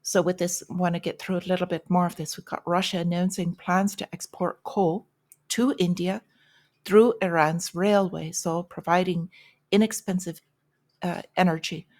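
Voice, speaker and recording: A woman's voice: lowish voice, steady tone, normal speed, a little mellow. A woman hosting a market and news commentary show, opinionated, with sarcastic asides and frequent fillers. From United States.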